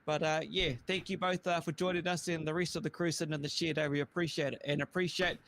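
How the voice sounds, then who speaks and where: Higher-voiced man with broad Kiwi accent. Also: flat delivery, fast talker, vocal fry, a bit bright, a little hiss or hum. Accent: broad New Zealand. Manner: blokey, slangy, effusive. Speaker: show host. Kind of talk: casual motorsport chat.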